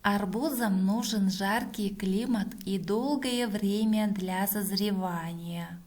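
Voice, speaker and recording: A woman dictates as a schoolteacher would, at an extremely slow pace. Her voice sits at an average pitch for a woman. She sets out words one at a time, enunciating each deliberately for pupils to write down. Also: darkish tone. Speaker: teacher.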